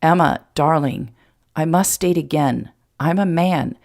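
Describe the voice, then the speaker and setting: A woman voices a small-town sheriff turned rancher in an audiobook romance: an earnest, blunt, lovestruck adult man who is fond, puzzled and a little exasperated. Her voice sits low and is gravelly and a little mellow, with an unhurried pace.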